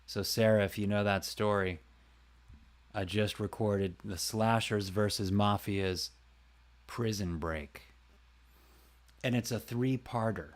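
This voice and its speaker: A voice actor hosting his own livestream chats casually and somewhat ramblingly about his voice work, addressing viewers by name. He speaks slowly in a lowish voice, pausing often, into a close desk mic.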